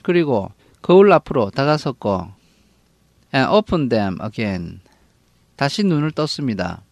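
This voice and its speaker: A man from Korea teaching an English novel, reading each line slowly and then translating it. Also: mid-range voice, sing-song, gravelly, dry recording, clean studio sound. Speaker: English book lecturer.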